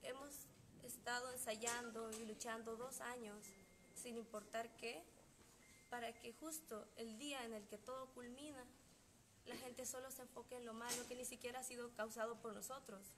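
A young woman with a Salvadoran accent, a band member giving an indignant, heartfelt public statement with pauses and fillers. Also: on the high side, fairly even intonation, noisy background.

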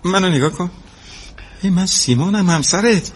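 A man's voice: high voice, husky. A man playing a tired, defensive husband in an audio drama, pleading and insisting it was a joke. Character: tired, defensive husband caught holding a knife. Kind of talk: amateur audio drama acting.

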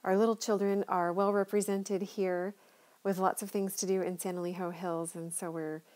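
This middle-aged woman sounds like a friendly local guide, narrating her neighborhood from inside a car on a driving tour. She has a warm, mellow, mid-range voice with a level tone at a moderate pace. Her manner is chatty and enthusiastic.

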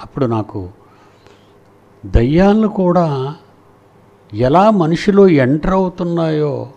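A man's voice: fairly high pitch, lively intonation, slow, vocal fry, dark tone, muffled recording. A man preaching a sermon, retelling nursery rhymes in a sing-song storytelling way.

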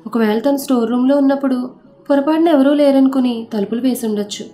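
A woman voicing a commanding, worried older matriarch who gives orders and accuses, in a higher, mellow voice. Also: fast talker, faint music behind, lightly acted. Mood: urgent. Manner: bossy, accusing.

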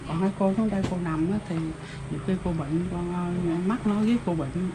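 A woman's voice: lowish voice, fairly quick, a crowd in the background, poor audio. An older woman with a Southern Vietnamese accent, rambling through her story in plain, exclamation-filled talk. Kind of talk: casual rural storytelling. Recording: noticeable background noise.

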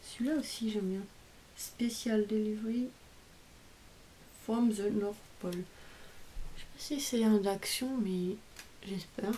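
A woman hosts a homemade craft video, gushing in a casual, chatty way as she shows off each card and stamp. Her voice is soft and mellow. A faint hiss runs under the home recording. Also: mid-range voice. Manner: chatty, gushing over each item, reads English phrases haltingly. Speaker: craft channel host opening mail. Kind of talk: casual unboxing chat.

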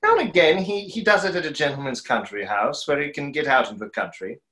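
Reading a play over a video call from a small home room, this man in his thirties voices a stage conjurer full of self-doubt, hesitant, reflective and wistful as he tells the story. He speaks quickly in a high-leaning, very animated voice with a sharp tone, and the call gives it a roomy echo.

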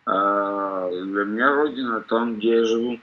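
A man's voice: on the low side, measured pace, narrow, tinny audio. A middle-aged man on a video call, pressing his questions insistently and repeating them again and again. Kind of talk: heated casual argument.

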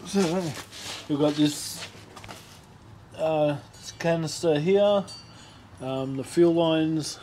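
Man, slightly high voice, laid-back workshop chat, garage, camera mic, faint hiss. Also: very slow, long pauses. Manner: relaxed, chatty, thinking aloud while working. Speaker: car restoration vlogger. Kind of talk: casual workshop commentary. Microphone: phone or action camera.

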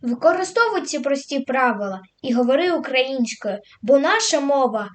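A woman teacher giving a scripted lesson, stressing each example word clearly. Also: high-pitched, expressive, normal speed. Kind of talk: scripted educational narration.

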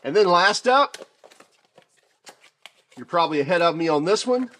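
A man casually reviewing shop tools off camera, talking in a chatty, relaxed way with many fillers and restarts. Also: high-pitched, moderate pace. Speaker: tool reviewer.

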